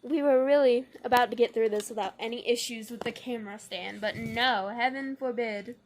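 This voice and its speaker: A young woman chatting playfully to camera as a vlogger, full of quick asides and jokes, swinging between lively bursts and low, mumbled stretches. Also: slight background noise. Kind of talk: casual chat to camera.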